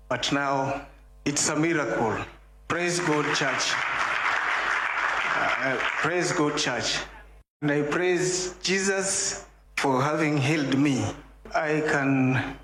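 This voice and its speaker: A man slowly giving a church testimony to the congregation, deliberate and growing joyful. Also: fairly high pitch, fairly bright tone. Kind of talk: slow spoken testimony to a congregation. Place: large echoing church hall. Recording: echoey church hall with crowd noise.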